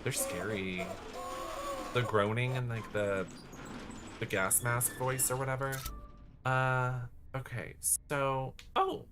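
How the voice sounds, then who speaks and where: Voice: mid-range voice, flat delivery, slow pace, noisy background. A live streamer chatting casually with viewers while playing a game, in a campy, exclamatory drag-slang manner. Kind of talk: casual live gaming commentary and chat with viewers.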